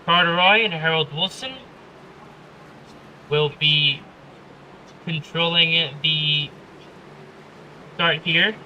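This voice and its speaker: A man works as a motorsport commentator over clearly audible engine noise. His voice sits high for a man. He calls the race live at a slow pace, stretching his phrases like an announcer. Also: fairly even intonation, sharp tone, rough recording.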